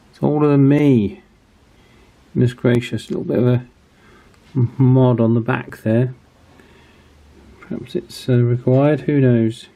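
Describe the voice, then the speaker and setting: There's vocal fry in this man's warm, mid-range voice as he explains a repair for his channel. His delivery is relaxed and plain-spoken, with a touch of hesitancy.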